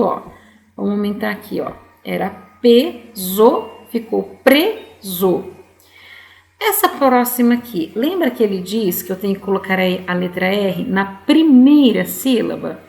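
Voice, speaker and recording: A woman's voice: a little high, gravelly, a little mellow, reverberant. A woman teaching young children to read online, patient and coaxing. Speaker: primary school teacher.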